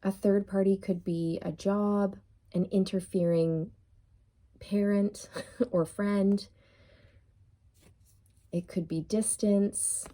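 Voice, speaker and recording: A woman gives a casual tarot reading, musing aloud in an unhurried way with lots of fillers and mentioning that she's losing her voice. Her voice sits at medium pitch and sounds steady and warm.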